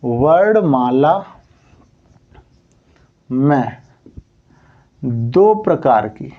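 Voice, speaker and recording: A man's voice: medium pitch, lively intonation, very slow, narrow, tinny audio. A man teaching Hindi grammar in an exam coaching lesson. He asks and answers his own questions, keeps saying "theek hai", and stretches words out to show how long the vowels are.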